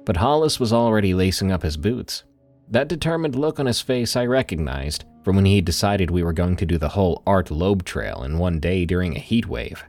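A man's voice: low-pitched, a little mellow. A man hosting and narrating scary stories in an ominous late-night radio manner, with dramatic, scripted delivery. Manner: ominous, dramatic storytelling with trailing line ends. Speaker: host and narrator of horror stories. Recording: voice over background music. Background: music bed.

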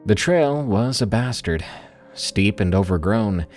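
A low-voiced man narrates horror in an ominous late-night radio style. His delivery is scripted and dramatic, swinging widely in pitch, with faint music underneath. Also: lively intonation, unhurried, darkish tone. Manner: ominous, dramatic storytelling with trailing line ends. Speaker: host and narrator of horror stories. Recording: voice over background music. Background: music bed.

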